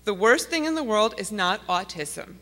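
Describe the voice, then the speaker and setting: A woman's voice: medium pitch, expressive, normal speed, a bit bright. A middle-aged woman giving an earnest, pleading speech to an audience in a conference hall. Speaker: conference speaker. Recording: long hall reverb.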